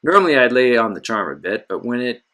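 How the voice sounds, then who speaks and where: A man telling a pulp space adventure in the first person, full of wisecracks and jokes at his own expense. His voice is bright and pointed, with an average pitch. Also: big pitch swings, fast. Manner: wisecracking, self-mocking, hard-boiled asides. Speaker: narrator.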